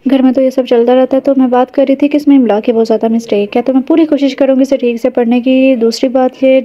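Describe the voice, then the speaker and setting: A woman's voice: sits high, lo-fi sound. A woman narrating an audiobook at home, reading steadily with occasional hesitations.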